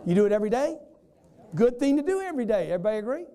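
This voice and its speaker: A man giving an energetic live sales seminar, quizzing the audience and acting out customers in quoted voices. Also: very high-pitched, rapid-fire. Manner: energetic, repetitive, keeps quizzing the crowd. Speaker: sales trainer.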